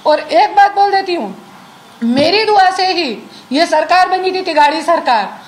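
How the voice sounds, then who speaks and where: A woman's voice: very high-pitched, expressive, a little slow, rough recording. A woman, giving an impassioned, defiant statement to the press and challenging her accusers directly. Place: indoors at a media sitting.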